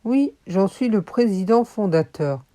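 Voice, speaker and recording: A woman voicing a bold, self-assured new schoolboy who speaks loudly and firmly, in a children's audiobook. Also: mid-range voice, expressive, a little slow, natural voice. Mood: cheeky. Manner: loud and firm.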